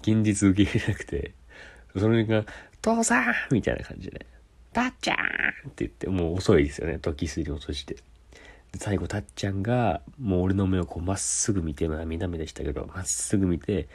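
A man casually telling a personal anecdote in an animated way, acting out the people in it. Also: sits low, fairly quick, breathy edge. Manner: animated, acts out quoted voices. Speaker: storyteller.

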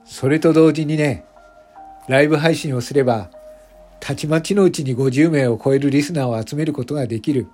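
In this radio drama monologue, a man voices a former factory worker, now a well-liked voice streamer, who is self-conscious and confessional. Speaking a bit high and a bit fast with a dark, natural tone, he comes across as confiding and quietly proud, with music playing behind him.

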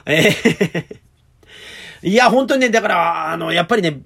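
A stage performer hosting his own talk show, telling stories in a chatty, animated way with polite old-fashioned phrasing and self-deprecating humor. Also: high voice, normal speed, creaky, breathy edge. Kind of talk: casual solo talk.

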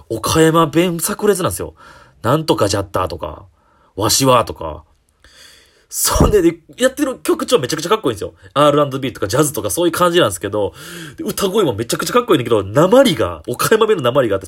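A young man, hosting a casual solo talk show, animated and full of fillers. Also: fairly low pitch. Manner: animated, many fillers, jumps between quick and drawn-out phrasing. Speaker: comedian podcast host.

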